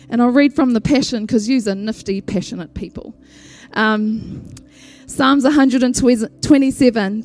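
High-pitched woman with Māori New Zealand accent. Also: a little mellow. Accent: Māori New Zealand English. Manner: heartfelt, hesitant, mixing Māori words into English. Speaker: church member introducing an honoured elder. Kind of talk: informal spoken tribute at church. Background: music behind the voice.

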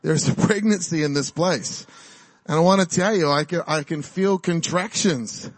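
This man, in his forties with a New Zealand accent, speaks at a normal speed in a voice on the high side, with no room sound. He's a guest preacher in a church, delivering a chatty, exuberant sermon and personal testimony while laughing often and rallying the crowd.

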